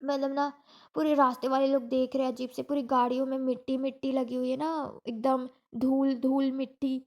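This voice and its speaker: A woman's voice: high voice, flat delivery, fairly quick, darkish tone. A young woman in casual vlog talk, telling a story in a shaken, rambling way with many restarts, still in pain after a fall. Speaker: vlogger.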